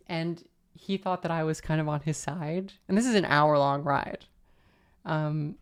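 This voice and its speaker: A woman podcast host telling rambling, wry stories in casual chat, full of fillers and restarts. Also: sits low. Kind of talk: casual anecdotal storytelling.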